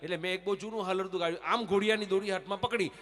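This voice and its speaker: A man's voice: sits high, very fast, long reverb tail. A man with a Surati Gujarati accent telling comic stories on stage, acting out dialogue and sometimes singing. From Surat region, Gujarat. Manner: animated storyteller, acts out dialogue, breaks into song. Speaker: stage comedian and folk performer. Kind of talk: live comic storytelling with sung lullabies. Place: stage at a temple festival, live audience.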